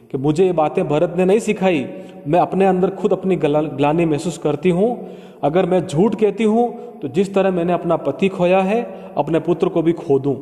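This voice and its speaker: A man's voice: a little high, warm tone, in a large hall. A male literature lecturer explaining a poem to students, patiently paraphrasing each verse line in plain words.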